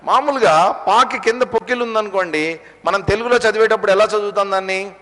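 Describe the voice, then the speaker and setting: High, bright-voiced male spiritual teacher. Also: fairly quick. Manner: explains pronunciation, asks the audience rhetorical questions. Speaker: Gita discourse teacher. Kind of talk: spiritual discourse with slow scripture chanting. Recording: long hall reverb.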